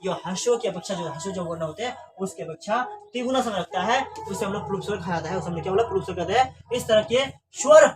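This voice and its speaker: A woman's voice: mid-range voice, rapid-fire, hardly any pauses, background noise. A woman teaching a grammar lesson to students, asking questions aloud and answering them herself.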